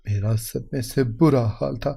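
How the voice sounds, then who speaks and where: Dark-voiced, husky male storyteller. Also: medium pitch. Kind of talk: dramatic story narration.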